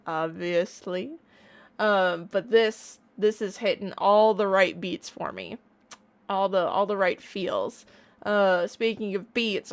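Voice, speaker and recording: A woman streamer giving a casual, excited reaction in a playful, bubbly, gushing way. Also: mid-range voice, creaky. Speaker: online reaction streamer and music creator.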